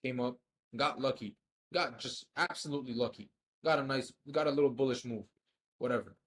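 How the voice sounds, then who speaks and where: A man going back over his own trades, frustrated and scolding himself, swinging between loud outbursts and low muttering. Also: brisk. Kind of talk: self-critical screen-share trade recap.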